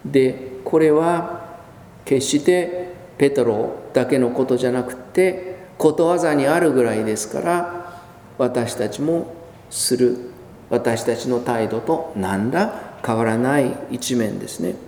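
A man preaching a sermon as pastor, telling the story with lively emphasis, drawing out key words and acting out quoted lines. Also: medium pitch, a little slow, a little hiss or hum. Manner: animated storytelling, acts out quoted speech. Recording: echoey hall with long reverb.

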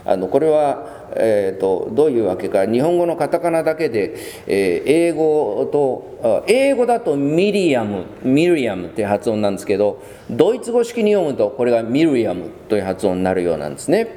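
A man serving as pastor, giving a measured sermon with many pauses and fillers in a church. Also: medium pitch, sing-song, mellow. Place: church sanctuary. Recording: long church reverb.

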